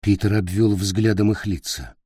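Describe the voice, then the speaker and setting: A man narrating an audiobook in a measured, dramatic storytelling manner. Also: on the low side, steady tone, mellow, breathy edge, dry recording, studio quality. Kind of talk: scripted narration.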